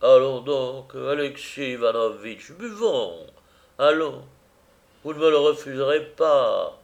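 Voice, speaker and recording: A man voicing a drunk, overwrought middle-aged man who pleads and mocks in a high, loud, swooping voice. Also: expressive, slow, gravelly, muffled recording. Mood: pleading.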